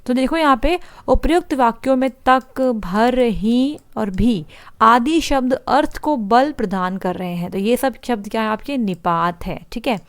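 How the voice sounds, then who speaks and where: A woman's voice: fairly high pitch, unhurried, no echo. A woman teaching a Hindi grammar lesson for exam prep, explaining step by step and asking rhetorical questions. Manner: explanatory, repeats points and asks rhetorical questions.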